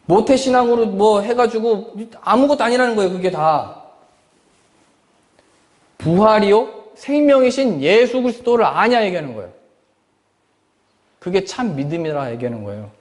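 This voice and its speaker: A man's voice: high voice, moderate pace, pauses often, big-room sound. A male pastor delivering a Sunday sermon, reading scripture aloud and pressing his points with rhetorical questions. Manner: expressive preaching with rhetorical questions. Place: church service.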